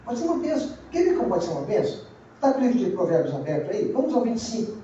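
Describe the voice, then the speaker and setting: High-voiced Brazilian pastor in an echoey church. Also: male voice, big pitch swings, very fast, background noise. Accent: Brazilian Portuguese. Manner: conversational preaching, repeats phrases and asks the congregation questions. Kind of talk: sermon. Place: church sanctuary. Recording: very echoey, distant, dull church recording.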